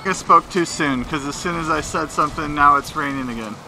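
A man's voice: a little high, brisk, sharp tone, soft background music. A man narrating a casual vlog while walking around a rainy race course, chatty and joking, filmed on a handheld camera mic. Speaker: filmmaker documenting a race. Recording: noisy outdoor ambience with traffic.

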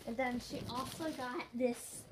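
A young girl, the host's friend, showing her purchases in a casual bedroom video, halting and repeating words as she talks. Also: a little high, fairly even intonation, heavy background noise. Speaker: guest friend. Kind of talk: casual haul video chat. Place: small bedroom indoors. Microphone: phone camera held nearby.

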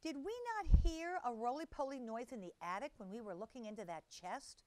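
A woman voicing a stern, sensible female cat neighbor who speaks brisk and firm. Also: fairly high pitch, a little mellow, dry recording, close to an everyday voice.

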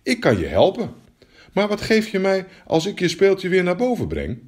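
A man's voice: high voice, huge pitch swings, normal speed, a little mellow, pitched above the performer's own voice, heavily acted. A man voicing a small, persistent male frog in a storybook fairy tale, who keeps pleading. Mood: coaxing. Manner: insistent, repeats his calls.

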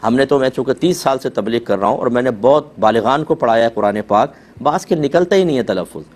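Calm middle-aged mufti explaining. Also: male voice, mid-range voice. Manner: calm, measured, explanatory, pleading tone. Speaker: mufti answering viewers' questions. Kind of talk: religious Q&A talk show.

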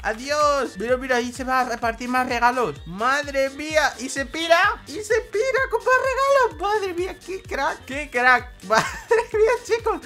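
A man giving excited gameplay commentary as a YouTuber, with loud exclamations and frequent laughter. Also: very high voice, unhurried, few pauses, faint music behind. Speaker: gaming YouTuber.

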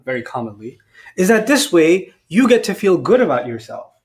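A man of about forty with a notably high voice delivers a conversational sermon indoors at a lectern, wearing a lapel mic. He is animated and colloquial, like someone chatting across a table, tossing out rhetorical questions and slipping into acted-out asides.

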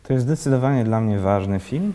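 Sitting in an armchair amid library bookshelves, an actor in his thirties who grew up in Switzerland chats as a guest in a casual interview. He keeps stopping and restarting while searching for words; his medium-pitched, expressive voice has a dark tone and sounds as if in a large hall.

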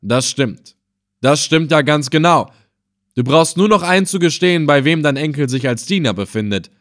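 A man voicing a cruel, scornful male slave trader in an audiobook, threatening and loud. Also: a little high, animated, moderate pace, voice pushed up, lightly acted. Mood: sneering. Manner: sneering, threatening. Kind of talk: audiobook character voice.

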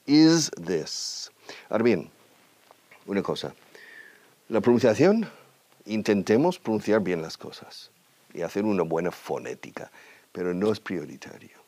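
A man teaching English on television, speaking Spanish with an English-speaking accent and drilling words slowly with emphatic, repeated examples. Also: lowish voice, expressive, dark tone, no echo. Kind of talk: televised language lesson. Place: TV studio.

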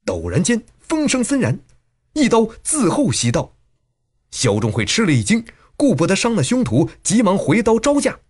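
Male audiobook narrator, dramatic wuxia read, slightly high voice. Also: moderate pace, slightly rough. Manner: dramatic, highly animated reading.

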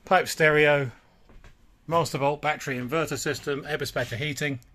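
A man giving a walkthrough tour of a boat for sale as its broker, listing features in brisk short phrases while he films aboard. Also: a little high, fairly even intonation, bright, forceful tone. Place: aboard a small motor boat, cabin and cockpit.

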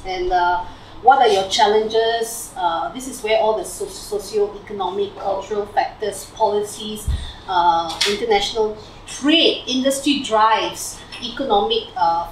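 A young Malaysian woman with a Malaysian English accent, presenting her PhD research to friends in a chatty way, full of fillers and "lah". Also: medium pitch. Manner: chatty, ends phrases with "lah" and "right?", many fillers. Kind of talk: informal talk to friends. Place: living room at home, slide on a TV. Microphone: far camera across the room. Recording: roomy, distant camera audio with faint hiss.

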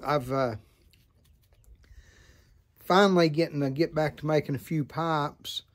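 Folksy Southern American man, chatting casually. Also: fairly high pitch. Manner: unhurried, folksy, rambling. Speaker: vlogger and hobby pipe maker. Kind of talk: casual chat to camera. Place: outdoors by a farm field.

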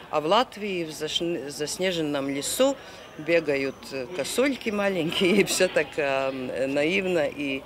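A middle-aged woman answering an interview outdoors, haltingly searching for words. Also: deep voice. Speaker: film centre representative, interviewee. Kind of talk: spontaneous interview. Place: outdoor courtyard garden. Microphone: handheld reporter's microphone. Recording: noisy outdoor city ambience.

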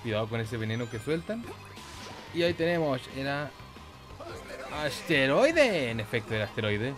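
At normal speed and medium pitch, with big swings in his voice, a gaming YouTuber with a Chilean Spanish accent offers casual play-by-play. Video game music backs his joking, cursing, singsong delivery and silly sound effects.

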